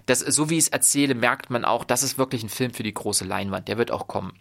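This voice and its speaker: A man's voice: mid-range voice, fast, gravelly, fairly bright tone. Rambling man talking about films. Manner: rambling, many fillers and restarts. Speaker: film reviewer. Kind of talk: casual podcast film talk.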